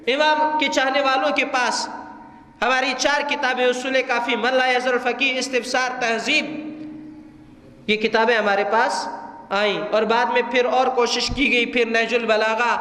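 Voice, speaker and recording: A male preacher with a Pakistani Urdu accent speaks in a very high, bright and forceful voice. He lectures earnestly and turns to his listeners with rhetorical questions. The sound rings around a large hall with a long reverb. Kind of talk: religious lecture.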